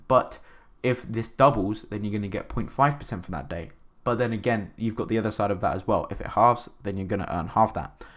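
A man hosting a casual screen-share review, rambling with many fillers and restarts and often tagging "right?" onto his points. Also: lowish voice. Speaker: crypto channel host.

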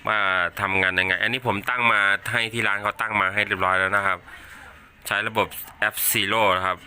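A man presents a product in a casual, hands-on way. His voice sits fairly low but is strikingly bright and forceful. He talks haltingly, repeating words as he goes through each item. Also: fairly even intonation, clean tone. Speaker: unboxing presenter.

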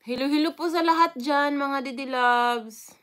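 A woman's voice: sits high, moderate pace, a bit bright. A Filipino woman from the Philippines chatting casually on a live stream, greeting viewers one by one with frequent fillers and laughs.

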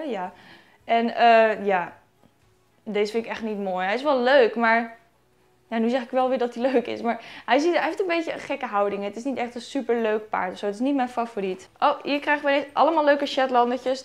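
A young woman vlogger chatting casually as she unboxes toy horses at home, correcting herself and giggling now and then. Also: a little high. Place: at home in sunlight.

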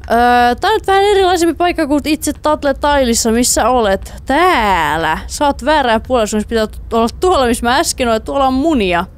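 A woman doing let's play commentary, excitable, talking to the game characters and slipping in English phrases. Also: high-pitched, hardly any pauses, clear, resonant tone. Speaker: gaming YouTuber.

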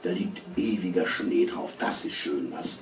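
A man's voice: low-pitched, a little slow, slight background noise, voice pushed down. A man voicing a pompous, know-it-all father who talks down to his son. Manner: pompous, condescending. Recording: roomy stage sound from far.

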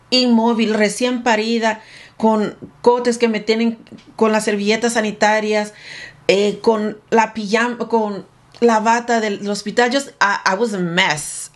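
Spanish-speaking woman telling an emotional story. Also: fairly high pitch. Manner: emotional, breathless retelling with repeated phrases; speaks directly to viewers. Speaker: vlogger telling her own story. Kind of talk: casual story time.

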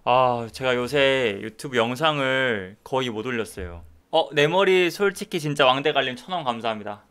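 A man's voice: mid-range voice, normal speed, a bit bright, smooth. A young man chatting casually on a stream, joking and teasing, acting out quoted voices. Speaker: doctor vlogger streaming. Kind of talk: casual livestream chat.

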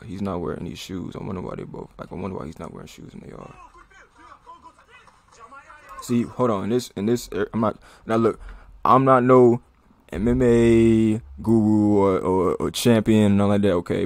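A man with a low, gravelly voice talks through a fight clip in a relaxed, slangy way. He keeps up a running commentary for his own reaction video, exclaiming and chuckling as it plays. The tone is casual and conversational throughout. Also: normal speed.

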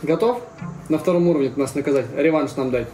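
A man's voice: a little high, fast talker, dark tone, distant mic, rough recording. A young man giving casual game commentary beside a player in a small room. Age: young adult. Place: small office-like room indoors. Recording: off-mic, music behind.

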